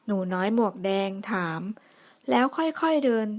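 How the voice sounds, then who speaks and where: A woman narrating a children's bedtime story in a clear, expressive reading voice. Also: fairly high pitch, moderate pace, dry recording. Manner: clear, expressive read-aloud.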